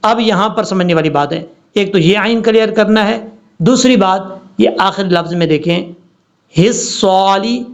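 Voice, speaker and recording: A man teaching prayer pronunciation, slowly drawing out recited Arabic words between explanations. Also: high voice, creaky. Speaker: tajweed teacher. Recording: dull lo-fi recording.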